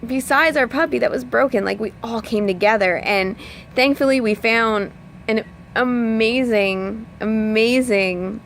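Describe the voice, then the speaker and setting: A woman's voice: on the high side, unhurried, fairly bright tone, slight background noise. A woman coach talking in a casual, earnest way, rambling with lots of filler words and speaking openly about her feelings. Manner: rambling, full of "like" and "you know". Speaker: personal development coach. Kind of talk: casual heartfelt vlog talk.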